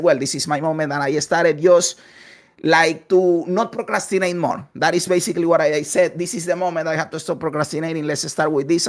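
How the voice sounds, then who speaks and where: A man from Venezuela with a Venezuelan Spanish accent, a native Spanish speaker, answering interview questions at length in a candid way, with frequent "eh" fillers. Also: fairly high pitch. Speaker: podcast guest, content creator. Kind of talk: casual interview storytelling. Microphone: voice call over Discord.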